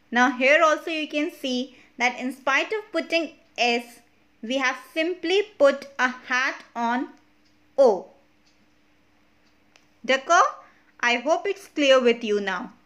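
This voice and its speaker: A woman's voice: high voice, fairly bright tone. A woman with an Indian English accent teaching a French lesson online, explaining step by step and checking in with "okay?".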